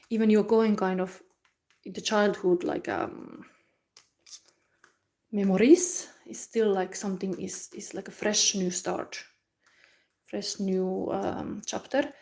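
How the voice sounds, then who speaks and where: A woman from Finland, giving a live tarot reading in a soft, musing way with frequent hums and restarts. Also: medium pitch. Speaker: tarot reader.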